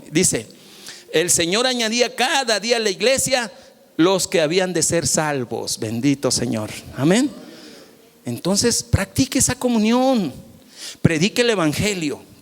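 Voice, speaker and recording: High-voiced pastor preaching in a hall. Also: male voice, sing-song, normal speed. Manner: preacher's sermon, with swings from loud calls to soft, low asides. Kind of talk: sermon.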